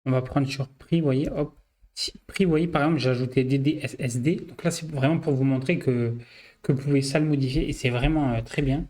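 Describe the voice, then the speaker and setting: A man's voice: medium pitch, steady tone, fairly quick, dark tone. Casual French-speaking tutorial man. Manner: loose, filler-heavy walkthrough with frequent "hop" and "vous voyez". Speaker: WordPress tutorial host. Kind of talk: casual screen-share tutorial.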